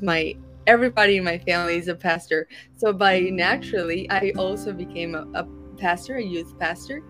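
A woman from Argentina, a youth pastor speaking as a guest in a candid, joking way. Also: on the low side. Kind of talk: interview conversation.

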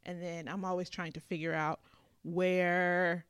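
A woman chatting earnestly on a podcast, thinking things through out loud. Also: lowish voice, level tone, a little slow, clean tone, dry recording, studio quality. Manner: thoughtful, earnest, reflective. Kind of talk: casual chat.

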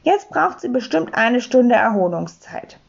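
A woman voicing a cheeky, bristly, childlike creature that is greedy and playful, asking quick pert questions. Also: a little high, very animated, vocal fry, muffled recording, full character voice. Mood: impressed.

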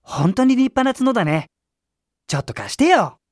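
A woman voicing a greedy, sly male deer in a children's storybook reading, talking in a gruff, coaxing way. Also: on the high side, very animated, moderate pace, a little mellow, no echo, clean studio sound. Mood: envious. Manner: gruff and coaxing, then mocking.

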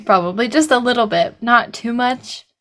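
A woman's voice: on the high side, normal speed, sharp tone. Playful, crude-joking woman podcaster. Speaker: podcast co-host. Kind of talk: casual comedy banter.

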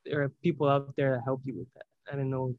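A young Spanish startup founder, a guest in a casual interview, comes across hesitant and reflective, often restarting his phrases. His medium-pitched voice is level in tone and quick in pace, with no echo, though the recording has a dull lo-fi sound.

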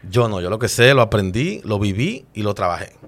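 A man, a chef guest in an interview, telling stories in an animated and emotional way with frequent restarts. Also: fairly low pitch, a little fast. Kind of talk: casual interview storytelling.

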